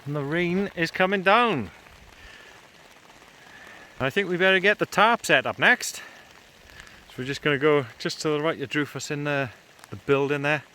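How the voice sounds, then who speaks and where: A man's voice: fairly high pitch, unhurried, pauses often, sharp tone. A man with a British accent chats informally and off the cuff as he films a camping vlog outdoors. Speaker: camping vlogger. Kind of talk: casual outdoor vlog chat. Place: outdoors in farmland and woods. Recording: clearly noisy outdoor field recording.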